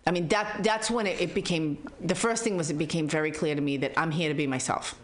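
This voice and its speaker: A woman's voice: low voice, steady tone, fast. A woman in her fifties with a Boston accent, talking candidly and reflectively as an interview guest, earnest and a bit blunt. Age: 50s. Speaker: interview guest, psychologist and spiritual teacher. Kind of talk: conversational, reflective interview talk.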